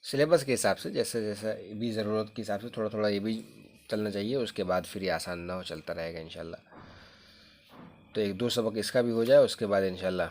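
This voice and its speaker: Male grammar teacher, low voice, patient and repetitive, walks students through terms with rhetorical checks. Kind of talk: classroom-style lesson.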